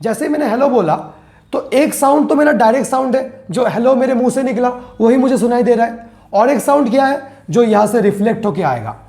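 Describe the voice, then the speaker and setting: A man teaching a physics lesson, slowly repeating key phrases as if for dictation and mixing English terms into his explanations. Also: very high-pitched, expressive, a little mellow. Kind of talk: classroom lesson.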